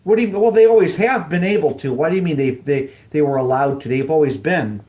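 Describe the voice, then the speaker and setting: A man's voice: on the high side, fast. A man talking casually over a bad phone connection, agreeable and rambling, often restarting his sentences. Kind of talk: casual conversation. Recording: dull lo-fi phone line.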